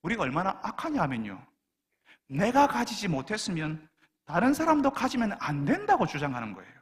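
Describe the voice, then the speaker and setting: Preacher, male, high and animated, echoing church hall. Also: a little fast. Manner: rhetorical questions, acts out complaining voices. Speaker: pastor. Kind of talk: sermon.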